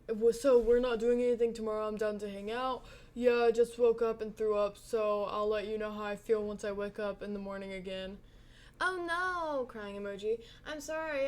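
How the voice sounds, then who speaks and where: A woman's voice: mid-range voice, darkish tone. A young woman co-hosting a casual podcast, giggling as she reads text messages aloud and calls out each emoji. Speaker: podcast co-host. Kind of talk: casual podcast chat, reading posts aloud.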